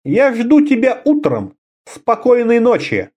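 A man voicing a cunning, cold male sorcerer with a measured, commanding manner. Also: very high-pitched, huge pitch swings, mellow, pitched above the performer's own voice, exaggerated voice. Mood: cool.

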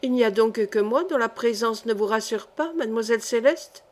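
A tender young man speaks softly and shyly, as a woman reader voices him. His lines keep a gentle warmth throughout. This is a classic novel read aloud. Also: on the high side, moderate pace, lightly acted. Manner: soft, tender. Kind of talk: audiobook character reading.

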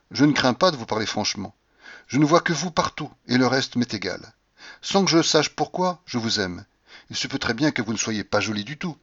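A man's voice: mid-range voice, a bit bright, dry recording. A man reads a classic novel aloud with feverish, impassioned intensity. His voice sits in a middle range. The recording is dry, dull and slightly muffled. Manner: impassioned, feverish first-person delivery. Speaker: audiobook reader. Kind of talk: dramatic reading of a classic novel.

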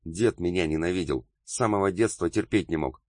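A man's voice: low-pitched, a little fast, no room sound, clean studio sound, lightly acted. A man reading as a tearful, hurt young man. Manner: choked, tearful.

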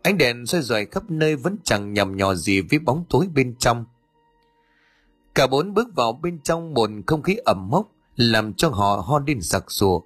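Male narrator, steady storytelling, husky voice, dry sound, faint music behind. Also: medium pitch, unhurried, dry recording. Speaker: audiobook narrator.

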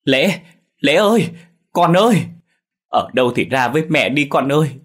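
Man putting on a desperate village mother, wailing high, husky voice. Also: animated, normal speed. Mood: frantic wailing. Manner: wailing, high-pitched crying out. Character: frantic desperate village mother searching for her son.

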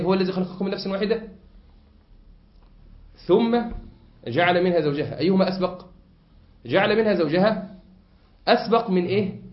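A man with an Egyptian Arabic accent teaching a classroom lesson, explaining a text patiently and quizzing his listeners with fill-in questions. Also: fairly high pitch. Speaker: sheikh teaching a grammar text. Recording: echoey room, muffled lo-fi sound.

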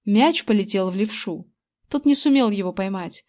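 A woman's voice: medium pitch, animated, moderate pace, a little mellow. A woman narrating a children's story aloud, voicing the dialogue lightly as she reads. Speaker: audiobook reader. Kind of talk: storybook narration with character voices.

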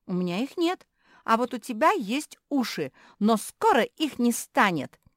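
Storybook: a high, indignant little pug girl, read by a woman. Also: sing-song, measured pace, dry recording, studio quality. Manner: indignant and teasing. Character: squabbling young pug sister, girl.

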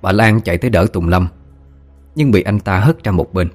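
Deep-voiced man narrating a ghost story. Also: expressive, normal speed, soft background music. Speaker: audiobook narrator.

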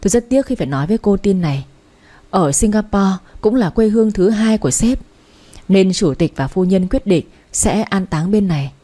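A formal male assistant gives somber news, read by a woman narrator. The voice is mellow and husky, measured and polite. It is a storybook reading. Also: mid-range voice, animated, close to an everyday voice.

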